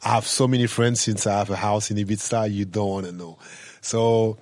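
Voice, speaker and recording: A middle-aged man with a French accent talks about his life in loose, broken English, full of fillers and restarts. His voice sits a bit low and sounds close and dry. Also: fairly even intonation, normal speed, a little mellow, dry recording. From France. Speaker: hotel owner. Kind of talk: casual interview talk.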